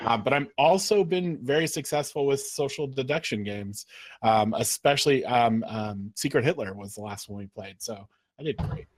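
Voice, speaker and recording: A man hosting an online board game show, introducing the players in a playful, joking way. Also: mid-range voice. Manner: playful, laughs often. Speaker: show host.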